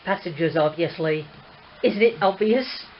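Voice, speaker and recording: A woman chatting casually on a live stream, teasing and quick to laugh. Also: fairly low pitch, highs cut off, a little hiss or hum. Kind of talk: casual chat.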